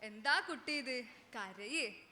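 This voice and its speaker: A woman voicing a kind schoolteacher who coaxes a crying pupil in a gentle, affectionate way. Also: a little high, lively intonation, takes it slowly, in a large hall, exaggerated voice. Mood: tender coaxing. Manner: gentle, coaxing.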